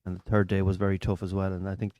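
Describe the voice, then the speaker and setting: Here the Irish comedian and podcast host rattles along very fast in a low-pitched, monotone voice with a darkish tone. It's casual live-stream chat and slang-filled storytelling from a small studio, recorded with no room sound.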